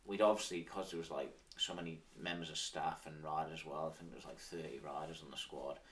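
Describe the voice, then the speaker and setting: A man with a Manx accent talks in a casual interview. His voice is low, and he sits a bit away from the mic. He phrases things loosely and informally, like someone recalling old times. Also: fairly even intonation, fairly quick, a bit bright, recorded from a distance. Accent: Manx, Isle of Man. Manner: informal, with frequent "sort of" and "like". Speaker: interview guest, former professional cyclist.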